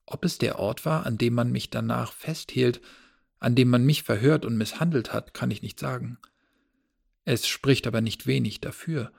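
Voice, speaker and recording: A man reading a novel aloud as a first-person narrator, in a measured, low-key storytelling manner. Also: gravelly, husky. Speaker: audiobook narrator.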